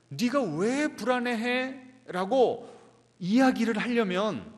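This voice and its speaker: A man preaching a Sunday sermon as a pastor, asking the congregation questions and answering them, and acting out inner voices. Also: sits high. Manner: acts out inner voices in quotes. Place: church sanctuary. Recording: long hall reverb.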